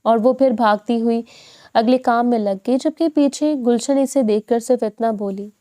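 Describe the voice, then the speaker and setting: Mellow-voiced woman narrating a story. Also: on the high side.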